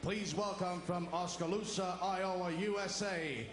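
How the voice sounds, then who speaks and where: A man working as a boxing ring announcer, formally presenting in French and English with ceremonial, drawn-out delivery. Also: high-pitched, fairly even intonation. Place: boxing arena. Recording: echoey arena PA with noise.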